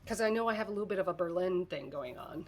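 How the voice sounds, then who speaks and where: An American woman hosts a crafting livestream, chatting casually and poking fun at herself as she works, laughing often and sounding a little congested. Her voice sits on the low side with lively intonation, and she talks fast. There's a slight hiss or hum in the background.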